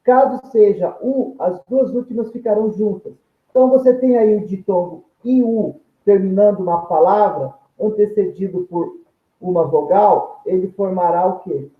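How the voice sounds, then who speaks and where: A man's voice: high voice, normal speed. A man teaching a grammar video lesson. He explains patiently, points at examples on screen and draws out example words syllable by syllable. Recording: echoey room, tinny phone-like sound.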